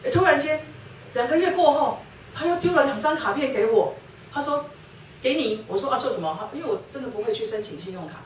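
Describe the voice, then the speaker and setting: A woman's voice: sits high, animated, fast talker. A middle-aged woman gives a personal testimony talk at a church lecture. She tells her story and acts out the dialogue she quotes. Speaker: guest speaker sharing her testimony with her husband. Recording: roomy hall, distant mic, faint noise.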